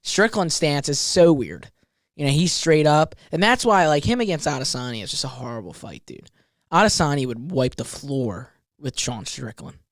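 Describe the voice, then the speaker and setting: A man co-hosting a casual podcast, his pitch leaping up and down as he rambles through fight talk. He keeps stacking fillers and restarts, and the sound is dry and close. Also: normal speed, no echo. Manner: animated, rambling, lots of fillers. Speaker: podcast co-host. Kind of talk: casual chat about fights.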